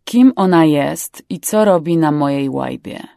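A woman voicing a cold, commanding male yacht boss who threatens calmly and swears. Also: on the low side, moderate pace, creaky, no room sound, studio quality. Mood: menacing. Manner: calm, menacing, swearing.

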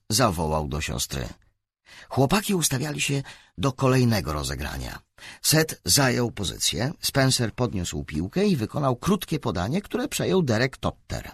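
Male storybook narrator, expressive, gravelly and husky, close studio mic. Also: a little slow, no echo. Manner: expressive, swinging pitch for action. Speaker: audiobook narrator. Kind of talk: scripted narration.

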